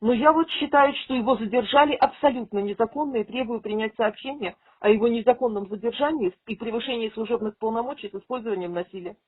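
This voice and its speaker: Female rights advocate, assertive and argumentative, slightly husky voice, formal phone complaint on a narrow, tinny line. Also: fairly high pitch, fast, hardly any pauses, no room sound. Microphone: telephone line. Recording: tinny phone call, radio-like.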